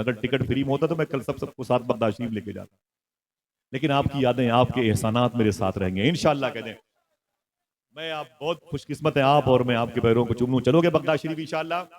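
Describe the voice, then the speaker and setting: A man preaching a sermon with impassioned storytelling that swells into loud exclamations, and he prompts his listeners to call back. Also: mid-range voice, quick pace.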